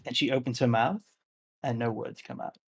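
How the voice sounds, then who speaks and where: Man, game master, slow measured narration, plenty of ums and likes, mid-pitched voice. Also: fairly even intonation, husky. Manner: measured, unhurried narration with filler words.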